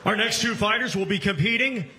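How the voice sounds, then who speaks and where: A man working as a ring announcer, hosting a boxing event with formal introductions and booming, drawn-out names. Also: sharp tone.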